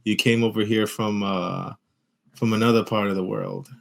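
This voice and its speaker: A man's voice: lowish voice, little pitch movement, moderate pace, vocal fry. A man hosting a podcast in a laid-back, joking, slangy way. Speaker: podcast host. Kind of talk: casual interview chat.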